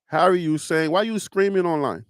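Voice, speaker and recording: The clip features a live show host with a Liberian accent doing casual stream commentary at a normal speed. He's emphatic and teasing, throws out rhetorical questions, and his animated voice rises in pitch when arguing. The audio is clean studio sound with no room sound.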